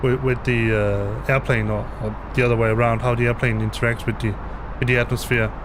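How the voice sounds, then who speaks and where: Speaking briskly and flatly in a mid-range voice, a man whose native language is Danish explains something on his flight sim live stream. He broadcasts from his home basement, the background is noisy, and his speech is full of hesitations, restarts and repeated words.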